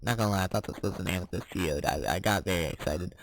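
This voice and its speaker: A teenage boy chatting casually while playing a game, rambling and correcting himself as he answers quick questions. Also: deep voice, slight background noise. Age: teens. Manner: rambling, self-correcting, chuckling. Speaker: gaming vlogger.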